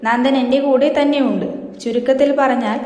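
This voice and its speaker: A woman's voice: high-pitched, steady tone, a little fast, a little mellow, close to an everyday voice. A woman reading out a menacing scheming man. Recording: roomy with long reverb.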